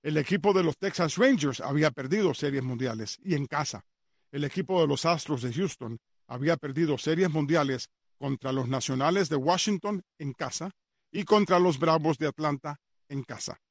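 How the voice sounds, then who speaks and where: A man's voice: a little high, moderate pace, no echo, clean studio sound. A man hosting a sports radio show, chatty and repetitive, with frequent hesitant fillers. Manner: chatty, repeats details, many fillers. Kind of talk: casual radio sports commentary.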